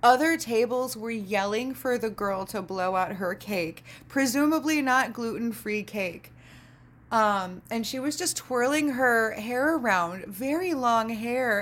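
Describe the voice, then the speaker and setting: A woman hosting a podcast, telling a story in a casual monologue, sardonic and animated, who laughs often and swears freely. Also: fairly high pitch, unhurried. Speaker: podcast host.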